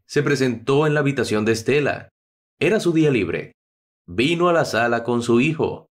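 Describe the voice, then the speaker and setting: A man narrating a dramatic story in a steady, scripted reading. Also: medium pitch.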